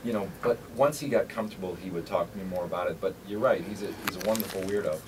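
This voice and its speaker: A man's voice: low-pitched, fast talker. A man being interviewed as a guest actor on the radio, chatting casually and telling stories with a joking, self-mocking manner. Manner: jokey, self-mocking storyteller. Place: radio studio. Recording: distant mic with steady background noise.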